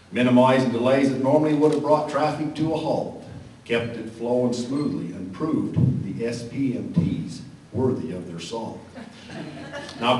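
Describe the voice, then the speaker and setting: A man's voice: medium pitch, a little mellow. A man with a Western American cowboy twang reciting cowboy poetry to a live audience in a folksy, drawling way with dry humor. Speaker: cowboy poet. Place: large echoey room with a live audience. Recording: echoey hall from far off, faint noise.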